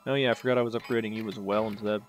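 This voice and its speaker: Speaking rapid-fire in a fairly low, steady voice over soft background music, this native English speaker hosts his own gaming channel. He casually comments on a strategy game as he thinks aloud, rambling and making sarcastic remarks to himself.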